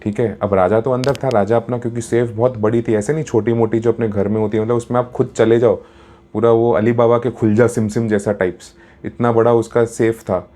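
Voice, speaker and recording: A man's voice: medium pitch, level tone, a little fast, dark tone. A man telling a story in a casual, chatty way, mixing in English words, as a storyteller and happiness coach.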